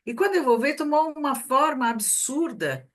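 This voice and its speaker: A middle-aged woman, a guest expert, talks through workplace communication in a relaxed interview, explaining her ideas with everyday examples. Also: high-pitched, moderate pace. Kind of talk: conversational interview.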